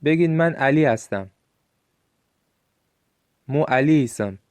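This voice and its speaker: Guy with a gilaki accent teaching a language lesson, says each phrase slow and clear so you can repeat it, middle pitch. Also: expressive, darkish tone.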